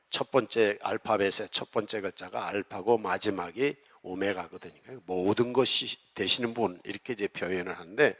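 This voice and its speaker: A pastor with a fairly low voice gives an emphatic sermon, his loudness rising and falling as he coaxes replies from his listeners. The setting is a church sanctuary, and the sound carries a long hall reverb.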